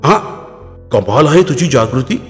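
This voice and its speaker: A man's voice: medium pitch, sing-song, a little slow. A male storyteller voicing a worried, stern middle-aged mother who pleads with and scolds her grown daughter. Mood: scolding. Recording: long reverb, faint music.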